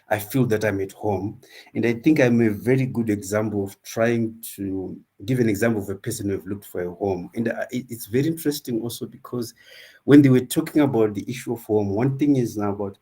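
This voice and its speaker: A man from Zimbabwe, speaking at an academic symposium over a video call in a thoughtful, halting way as he searches for his words. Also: fairly low pitch, warm tone, breathy edge. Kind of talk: reflective personal talk.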